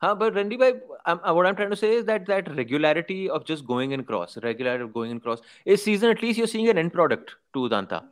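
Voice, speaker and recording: A man hosting a casual sports chat, colloquial and quick to interject, switching between Hindi and English. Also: high voice, animated. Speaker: host reading viewers' questions.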